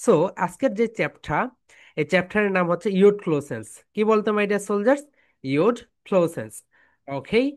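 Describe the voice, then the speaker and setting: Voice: medium pitch, animated, normal speed. Drilling teacher. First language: Bengali. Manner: keeps addressing students as "my dear soldiers", repeats phrases for drilling. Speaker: English pronunciation teacher. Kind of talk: spoken lesson with call-and-response drills.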